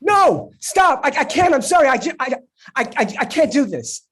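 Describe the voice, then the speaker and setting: A man's voice: lowish voice, fairly quick, a little mellow, a little hiss or hum, lightly acted. An actor playing an awkward, flustered straight man who stammers and hesitates. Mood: panicked. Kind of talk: comedic audio drama.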